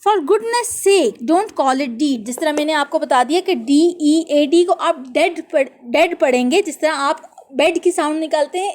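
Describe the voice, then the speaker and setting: A woman teaching English spelling, who slowly repeats each word and spells it out letter by letter. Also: high-pitched, a little mellow. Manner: reads English verse lines slowly and deliberately. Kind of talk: classroom lesson explaining English spelling in Hindi.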